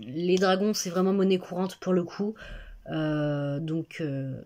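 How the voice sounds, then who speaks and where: A woman's voice: on the low side, little pitch movement, slow pace, a little mellow. Hesitant French woman reviewing books. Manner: hesitant, many fillers and self-corrections. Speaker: book vlogger. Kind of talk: casual book review to camera.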